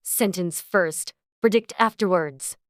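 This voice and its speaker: A woman's voice: on the low side, takes it slowly, no echo, studio quality. A woman playing a furious, imperious storybook queen who barks out commands. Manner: barked commands.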